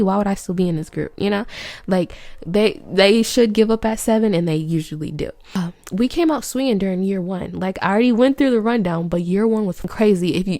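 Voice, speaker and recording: Young woman going off about kpop, sassy and blunt, mellow voice, dry close sound. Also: mid-range voice, no room sound. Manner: sassy, blunt, swears freely. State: out of breath. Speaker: kpop vlogger. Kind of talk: casual opinionated rant.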